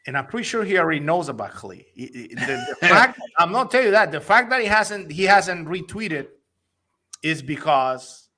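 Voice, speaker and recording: A man's voice: a little high, sing-song, normal speed, bright, forceful tone. A man from Honduras, an investor and company executive, talking eagerly and persuasively in a casual interview, often restarting his sentences.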